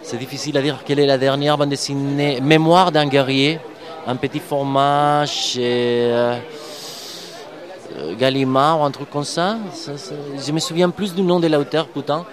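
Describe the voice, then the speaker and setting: A man's voice: on the high side, steady tone, moderate pace, a crowd in the background. A comic book artist, a man, answering interview questions hesitantly with frequent fillers. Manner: hesitant, frequent fillers, apologizes for his speech.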